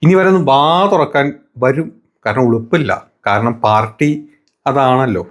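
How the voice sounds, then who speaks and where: A male commentator talks over debate clips, his voice at an ordinary middle pitch. He heaps sarcasm and crude insults on his targets, often in a falsely affectionate tone. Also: lively intonation, normal speed. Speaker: political commentary host.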